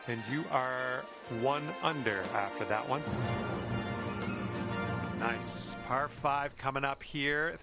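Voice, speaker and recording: Male actor as a friendly game caddie, mid-pitched, upbeat and folksy, music underneath. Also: natural voice. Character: cheerful encouraging adult male golf caddie. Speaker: golf caddie commentator. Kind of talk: game voice lines. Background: background music.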